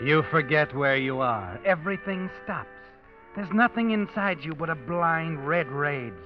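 A man narrating a 1940s radio drama in the second person, brooding and measured. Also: on the high side, animated. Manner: brooding, measured, addresses the hero as you. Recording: dull old radio broadcast with music.

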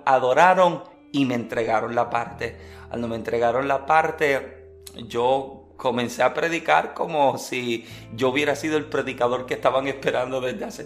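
Male preacher telling a testimony. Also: medium pitch. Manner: storytelling, earnest and lively. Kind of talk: personal testimony in a sermon.

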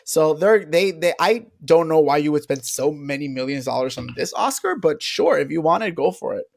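A man's voice: on the high side, lively intonation, fairly quick, creaky. A man, a guest film reviewer, chatting casually about award picks and laughing easily.

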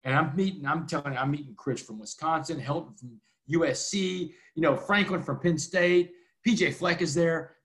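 A man in his forties from Texas, a motivational speaker telling his story fast as an interview guest, peppering it with "man". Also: on the high side, fairly bright tone. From Texas, USA. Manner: fast talker, keeps saying "man".

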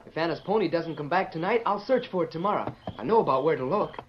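An earnest, polite teenage boy, played by a man in a vintage radio western. His voice is lively and a bit high. It is heard through a dull old broadcast recording with faint hiss. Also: fast talker, close to an everyday voice. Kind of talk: 1940s radio acting.

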